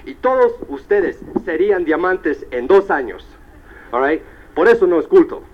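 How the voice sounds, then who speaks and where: Animated man giving a seminar talk. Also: high-pitched, unhurried, a little hiss or hum. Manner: animated storyteller, slips into English. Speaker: motivational speaker. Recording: dull old cassette tape.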